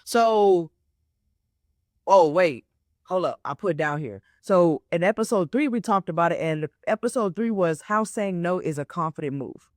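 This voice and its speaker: Animated but unhurried, this woman has a fairly low pitch. She's in her twenties and runs a solo motivational podcast as a life coach, chatting casually, tossing in "right?" and "okay?", and repeating things for emphasis. The sound is studio quality with no room tone.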